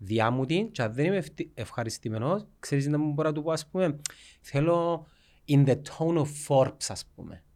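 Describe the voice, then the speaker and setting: A Cypriot Greek man co-hosting a relaxed podcast chat. His voice sits fairly high and swings widely in pitch. He talks in an animated, teasing way. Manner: animated, laughs often, teasing. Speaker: podcast co-host. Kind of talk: casual chat.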